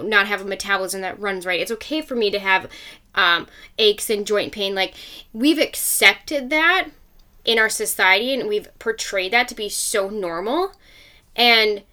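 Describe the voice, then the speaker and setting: A woman's voice: medium pitch, bright, forceful tone. A woman hosting a podcast, delivering a blunt motivational monologue full of rhetorical questions. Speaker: podcast host.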